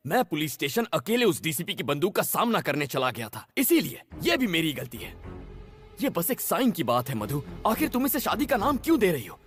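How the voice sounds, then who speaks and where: A man's voice: sits high, fairly bright tone, full character voice. An actor dubbing an anxious young male police officer who pleads urgently and protests nervously in a Hindi film dub. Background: film score.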